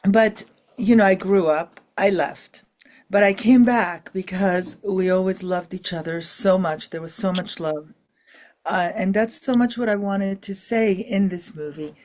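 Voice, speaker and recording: A middle-aged woman filmmaker talks expressively about family in a casual interview, with many fillers and restarts. Her medium-pitched voice is a little mellow, and her pace is measured.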